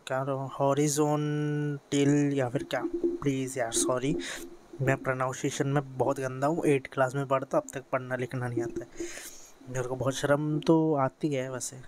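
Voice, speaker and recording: A man's voice: mid-range voice, flat delivery, moderate pace, slight background noise. A teenage boy from India talks through a mobile game tutorial in a casual, rambling way, full of fillers and self-corrections. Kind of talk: casual screen-recorded tutorial. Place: bedroom with a fan running.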